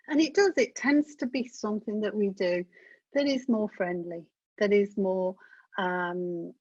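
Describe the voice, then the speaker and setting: Woman giving webinar tips, breathy voice, kinda muffled and dead-dry sound. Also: medium pitch, darkish tone, no room sound. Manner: chatty and practical, direct tips to the audience. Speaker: webinar presenter. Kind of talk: instructional webinar talk. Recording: dull dry webinar audio.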